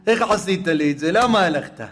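A man's voice: high voice, animated, fairly bright tone, faint music behind, voice pushed up. A man playing a weeping old holy rabbi. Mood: grieving. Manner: wailing, anguished questions. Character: grieving elderly male holy rabbi, tearful and pleading.

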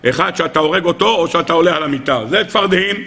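A man preaches a Torah lesson in a high, bright voice. He teaches in a sing-song rhythm, firing rhetorical questions and briefly acting out the voices in his texts. His tone stays lively and pointed throughout. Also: creaky. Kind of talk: animated Torah sermon.

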